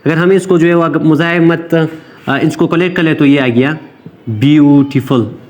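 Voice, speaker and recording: A man explains English grammar in a loose, informal lesson. He talks hesitantly, full of fillers and restarts, and slows right down to dictate English sentences word by word. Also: on the high side, steady tone, muffled recording.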